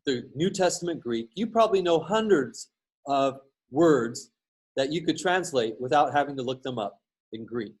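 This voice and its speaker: A male instructor giving a recorded lesson while sharing his screen, explaining patiently and often pausing on fillers and restarts. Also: fairly high pitch, a little mellow. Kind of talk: recorded lecture with screen share.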